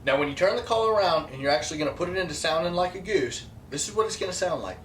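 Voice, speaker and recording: Teaching viewers goose calling in an instructional video, a man talks fast in a high, expressive voice, emphasizing and repeating the key points. The recording is very noisy and has an echoey, roomy quality.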